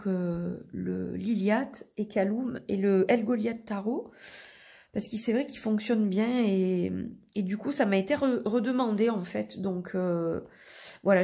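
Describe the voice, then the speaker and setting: A tarot card reader gives a casual, chatty reading to camera in a medium-pitched voice that's hoarse and nasal from a cold, with a stuffy nose and sore throat. She rambles in a relaxed way, using many fillers and self-corrections.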